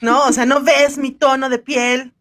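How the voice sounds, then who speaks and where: A woman's voice: sits high, flat delivery, measured pace, a bit bright, no echo. Slangy laughing Mexican woman, dry sound. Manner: slangy, jokey, laughs often. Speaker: podcast co-host. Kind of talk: casual chat.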